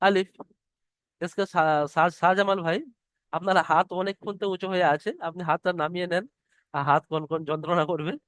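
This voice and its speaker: A man teaching the Arabic alphabet in an online class, patiently sounding out each letter slowly and explaining how to pronounce it. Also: fairly high pitch, little pitch movement, fairly bright tone, no room sound, studio quality. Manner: slow, patient, drawn-out letter demonstrations. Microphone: computer mic on a video call.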